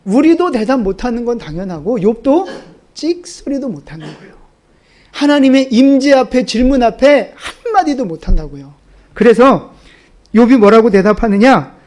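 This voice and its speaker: A man with a high voice preaching a sermon. He asks the congregation direct questions and repeats his key points with emphasis. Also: very animated, normal speed, darkish tone. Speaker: pastor.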